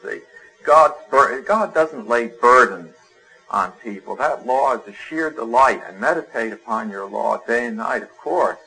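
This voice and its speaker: A man's voice: medium pitch, expressive, measured pace, creaky, sharp tone, husky, rough recording. Male preacher, conversational sermon. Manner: conversational preaching with fillers and homely examples.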